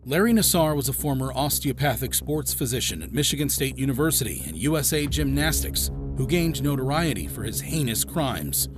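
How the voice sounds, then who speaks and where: A man's voice: medium pitch, expressive, brisk. Male narrator, scripted true-crime voice-over, teasing tone, music bed.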